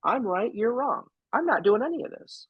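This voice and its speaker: A man's voice: sing-song, normal speed, husky, dry recording, phone-quality sound, heavily acted. A man voicing a stubborn little boy who whines about going to bed. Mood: defiant. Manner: pleading, high-pitched and petulant.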